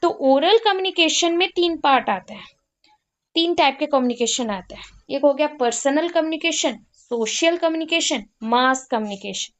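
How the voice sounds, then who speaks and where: High-voiced woman explaining lesson points. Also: lively intonation, normal speed. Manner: mixes English terms into Hindi, lists items one by one. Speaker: teacher. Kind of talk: explaining lecture notes.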